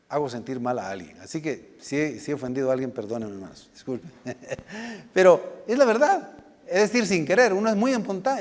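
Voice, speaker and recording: A man preaching a sermon as pastor, speaking spontaneously with restarts and sudden bursts of emphasis. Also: on the high side. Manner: spontaneous, with repeated restarts and emphatic swings in loudness. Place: church sanctuary. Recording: church hall with long reverb.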